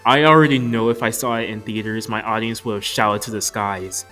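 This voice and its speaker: The recording is rough and has music under it as the young man, a video reviewer, gives his joking, casually profane scripted film review. His voice is lowish and steady, brisk, pushed and bright.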